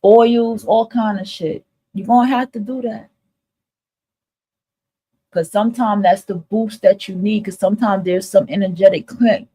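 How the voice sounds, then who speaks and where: The host of a spiritual advice livestream speaks to her listeners in a medium-pitched, warm, slightly rough voice. Her monologue is casual, candid and motivational, emphatic and repetitive, with free swearing.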